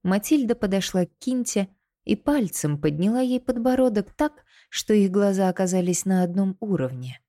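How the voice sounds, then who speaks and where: A woman narrating an audiobook with a steady, even reading. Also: mid-range voice, moderate pace.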